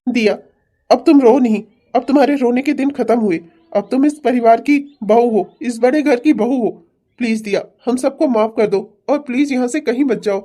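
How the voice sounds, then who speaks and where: A woman's voice: a little high, normal speed, mellow, lightly acted. A woman voicing a remorseful young husband who earnestly apologizes to his wife in a cartoon drama. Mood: pleading. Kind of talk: cartoon family-drama dubbing.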